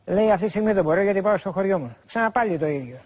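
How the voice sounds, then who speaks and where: A man's voice: high voice, animated, a little mellow. A man in his forties from Greece, a guest talking in a rambling, earnest way, repeating himself and quoting others at length. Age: 40s. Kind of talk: rambling confessional chat.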